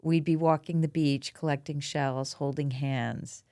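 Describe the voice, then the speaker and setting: A soft, reflective woman guest with a notably low voice. She sounds close and dry, with no room around her. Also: fairly even intonation, a little slow, no echo. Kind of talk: casual chat.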